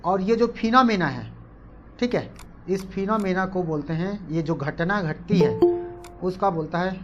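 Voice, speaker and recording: A woman with a low-ish, expressive voice teaches a chemistry class online at an unhurried pace, the lo-fi audio carrying background music. She mixes in English terms and repeats questions to the class before answering them herself.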